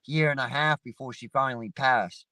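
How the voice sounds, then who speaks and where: Sitting in his parked vehicle, a man hosts a livestream panel on his phone and chats in a rambling, profane, laid-back way. His medium-pitched voice is bright and forceful, and he speaks at normal speed.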